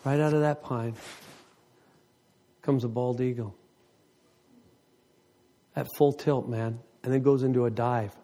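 With a slow pace and long pauses, a fifty-something ministry leader recounts an emotional testimony to his congregation. He tells it very animatedly, and his voice shoots upward in moments of excitement.

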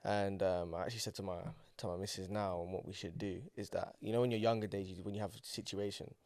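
A man's voice: low voice, level tone, fast, darkish tone, dry recording. A young man with a London roadman accent explaining his views in slangy, casual podcast talk. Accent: London, urban roadman slang. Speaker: podcast co-host. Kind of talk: casual chat.

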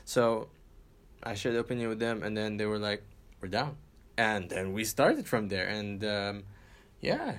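A man with a lowish voice co-hosts a casual podcast. He tells his story in a rambling way, with many pauses and fillers. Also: expressive, fairly bright tone. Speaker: podcast co-host. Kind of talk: casual chat.

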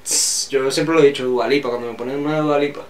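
A young man co-hosting a casual podcast, playful and expressive. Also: medium pitch, fast talker. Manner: playful and expressive, breaks into little squeals. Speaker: podcast co-host. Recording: roomy echo.

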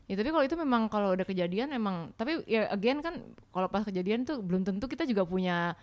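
A woman's voice: mid-range voice, animated, fast talker. A woman hosting a casual podcast chat, reflective and hesitant, with frequent fillers.

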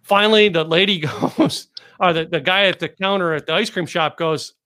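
A man's voice: sits high, normal speed, pushed and bright. A man hosting a podcast interview, chatting casually and rambling through stories with restarts and chuckles. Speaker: podcast host. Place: Dallas area.

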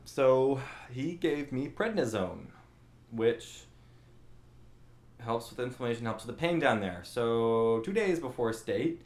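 A young man who hosts his own channel tells a long, casual story in a medium-pitched voice. He rambles and mocks himself with plenty of energy, acting out what people said, and the room gives the recording a roomy echo.

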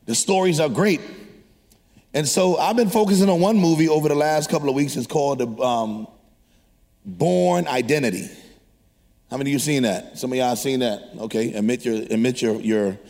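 A man's voice: mid-range voice, a little mellow. A man preaching to a congregation in a conversational, exhorting way, often prompting listeners with questions. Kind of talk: energetic sermon to a congregation. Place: large hall, preaching to a live congregation. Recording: long hall reverb.

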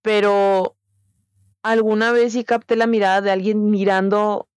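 A woman's voice: mid-range voice, level tone, measured pace, a little mellow, clear, resonant tone, dry recording, studio quality. A young woman with a Mexican Spanish accent, telling a personal story in a candid, slangy way with many fillers. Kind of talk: casual storytelling chat.

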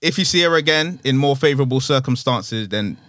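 A young man with a London accent giving measured advice in casual podcast chat, often ending on tag questions. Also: medium pitch, lively intonation, fairly bright tone, no echo, clean studio sound. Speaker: podcast panellist.

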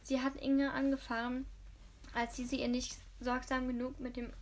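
A woman's voice: sits high, little pitch movement, normal speed, slight background noise, natural voice. A woman voicing a loyal, dutiful housekeeper who speaks politely and deferentially. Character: devoted older female housekeeper, dutiful.

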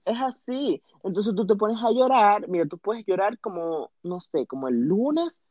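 A man's voice: high voice, very animated, a little slow, darkish tone, no room sound, highs cut off. A man co-hosting a podcast, giving comic mock advice in a theatrical, mocking way and acting out other people's voices. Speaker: podcast co-host.

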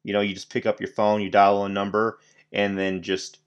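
A man's voice: lowish voice, monotone, normal speed, clean tone, dull audio. A man hosting a solo podcast, rambling casually with lots of fillers, restarts and offhand swearing. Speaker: podcast host.

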